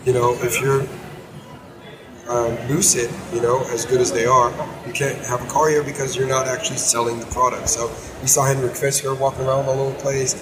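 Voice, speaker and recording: A man with an American accent co-hosts a casual car discussion. His voice is hoarse, as if nearly gone. He speaks at a middling pitch, with clearly audible noise from the show floor around him. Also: little pitch movement, brisk. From United States. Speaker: podcast co-host. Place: indoors at an auto show stand.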